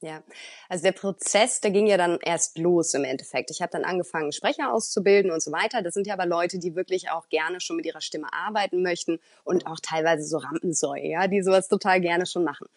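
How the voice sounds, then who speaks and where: Woman voice coach chatting in an interview, earnest and expressive, dry close sound. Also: fairly low pitch, no room sound. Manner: expressive, earnest, with filler pauses. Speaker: voice coach and speaker. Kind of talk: interview guest, conversational.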